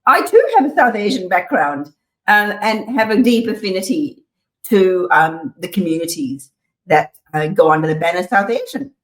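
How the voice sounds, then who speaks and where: A middle-aged woman from Sri Lanka, CEO of a community organisation, joins a video call as a guest from her office. She is warm and chatty, laughing often and using many "um" fillers, her fairly low voice expressive at normal speed, with echoey room sound.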